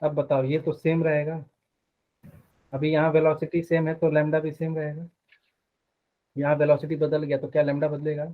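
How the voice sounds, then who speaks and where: A man's voice: a little high, flat delivery. Teacher with a phone-like sound, man. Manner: explains step by step, quizzes students with quick questions. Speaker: physics teacher. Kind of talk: live online class.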